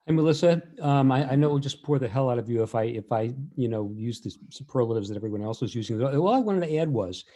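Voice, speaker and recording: A man's voice: mid-range voice, animated, quick pace, hardly any pauses, dark tone. A man on a school board making wry, conversational remarks over a video call. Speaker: board member. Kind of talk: informal remarks at a board meeting.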